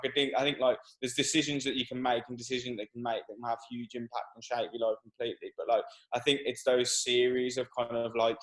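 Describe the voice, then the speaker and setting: Guest in his twenties from Birmingham, loose rambling talk full of fillers; mid-range male voice. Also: mid-range voice. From Birmingham, England. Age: 20s. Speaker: guest singer-songwriter. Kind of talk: casual radio interview.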